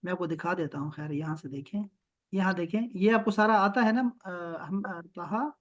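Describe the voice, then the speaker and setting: A man teaching an Arabic grammar lesson over a video call, encouraging and explaining words slowly, mixing in English. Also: sits high, steady tone, a bit bright, dull audio.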